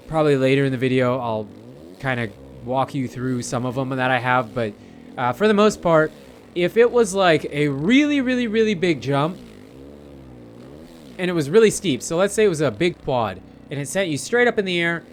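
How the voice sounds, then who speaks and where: Casually rambling through his gameplay, a man chats informally and addresses his viewers directly in a mid-range voice. A slight hiss or hum can be heard in the recording.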